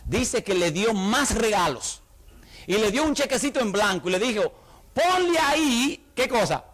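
Here a male pastor preaches with humor and energy in church, tossing rhetorical questions to the people in the pews. His husky voice sits high, and he talks at an ordinary pace.

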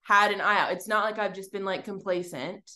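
An emphatic young woman chatting casually with a friend. She talks in an animated way and swears freely, with a mid-range voice. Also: medium pitch, brisk. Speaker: podcast co-host. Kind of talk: casual chat.

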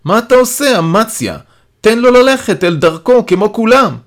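A man's voice: a little high, sing-song, pitched above the performer's own voice. A man voicing a cold, dutiful policeman who speaks in a raised, brusque, matter-of-fact way, in an audiobook.

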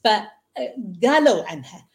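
A woman in a casual online discussion who talks thoughtfully and often pauses to search for words. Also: mid-range voice, animated. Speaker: discussion participant.

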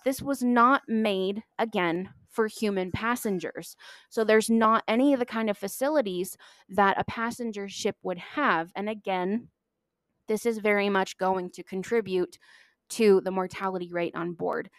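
A woman's voice: medium pitch, a little slow, no room sound. Woman doing a history podcast, punchy emphasis, dry close mic sound. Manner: emphatic, stresses key words, self-deprecating asides. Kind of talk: scripted history narration.

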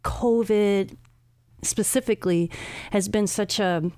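Casual, halting woman talk show guest. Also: mid-range voice, a little mellow, no echo, clean studio sound. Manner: halting, with frequent 'you know' asides. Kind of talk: casual conversational chat.

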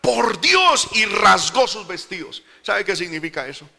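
A man's voice: high-pitched, normal speed, vocal fry, big-room sound, a crowd in the background. A man preaching a fervent sermon, again and again calling his listeners brother.

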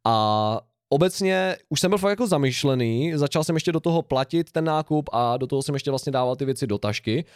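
A man's voice: mid-range voice, animated, few pauses, darkish tone, dry recording, studio quality. A young man co-hosting a podcast, telling a rambling, laughing anecdote in casual chat. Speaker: podcast co-host.

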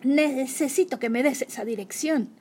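A woman voicing a daring young girl who drives fast and insists calmly, in a read-aloud storybook. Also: high-pitched, slightly rough. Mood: insistent.

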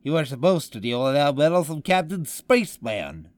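A man's voice: a little high, very animated, background noise. A man voicing a smug villain doctor. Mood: menacing. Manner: smug, menacing, measured. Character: scheming male space villain doctor.

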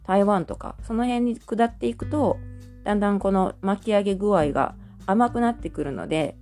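A woman's voice: medium pitch, moderate pace, a little mellow, faint music behind. A woman from Japan teaching a language lesson, explaining patiently step by step with many fillers.

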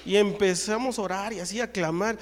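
A Mexican preacher with a high-pitched voice tells a story from the pulpit, acting out each exchange. His voice rings with a long reverb, as in a church hall. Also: a little fast. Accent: Mexican Spanish. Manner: lively storytelling, acts out the dialogue. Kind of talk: sermon with personal testimony.

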